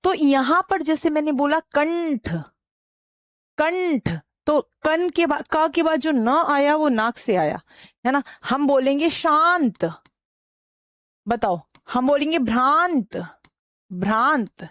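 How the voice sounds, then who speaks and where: Woman teacher, higher voice, slow deliberate dictation, lo-fi recording. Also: dry recording. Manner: slow dictation, repeating words for note-taking; quizzes students with frequent questions. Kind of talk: Hindi grammar class lecture.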